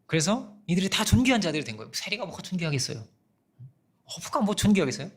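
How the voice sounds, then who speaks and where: Male pastor, conversational sermon delivery, expressive pitch, slightly high voice. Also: quick pace, breathy edge. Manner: animated, conversational, asks the congregation questions.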